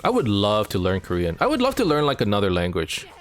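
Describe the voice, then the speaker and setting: Talking fast, a young man from Canada chats with his live chat while gaming on a home stream. His talk is rambling and filler-heavy, and his pitch leaps upward when he gets excited.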